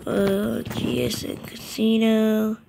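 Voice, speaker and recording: A woman with a low, hushed, raspy voice that is nearly gone, giving halting, casual commentary while playing mobile games. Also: level tone, very noisy. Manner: halting, sparse short remarks. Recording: loud music over the voice. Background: music.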